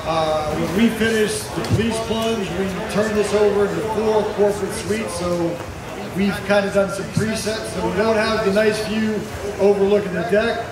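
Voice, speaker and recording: High-pitched American man in a very echoey room. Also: fairly even intonation, moderate pace. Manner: conversational, explanatory. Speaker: event organizer introducing the program. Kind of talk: informal event announcement. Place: indoor event suite with windows. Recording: very echoey, distant, crowd behind.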